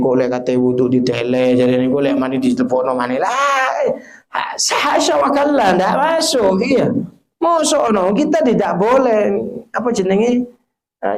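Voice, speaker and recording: A high-pitched man with an East Javanese accent delivers a sermon to a live audience. He recites Arabic verses, slips into Javanese, and keeps throwing questions at his listeners. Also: rough recording. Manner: mixes Javanese phrases and Arabic quotations, asks the audience rhetorical questions. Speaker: preacher.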